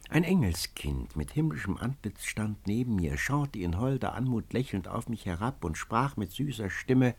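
A man's voice: fairly low pitch, big pitch swings, normal speed, creaky, few pauses, darkish tone, breathy edge, heavily acted. A man voicing a lovesick, anguished young man telling of his past with impassioned swells and drops.

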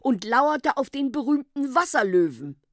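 A woman reads from a storybook, voicing a stubborn, cheeky young boy in a plain, matter-of-fact way as she recounts events. She pitches her voice above her own, making it high, exaggerated, sing-song and fairly bright, and speaks unhurriedly. The studio sound is clean, with no echo.

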